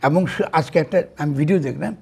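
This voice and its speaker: An older man giving a slow, deliberate political talk to his audience, asking rhetorical questions. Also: fairly high pitch, creaky, dark tone, breathy edge. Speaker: political commentator. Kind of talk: direct-to-camera talk.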